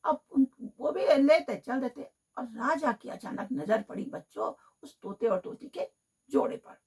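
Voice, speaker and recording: A teacher telling a children's story on the radio, talking straight to the children in an animated way. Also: female voice, sits high, a little slow, breathy edge. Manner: animated, addresses children directly. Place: radio studio.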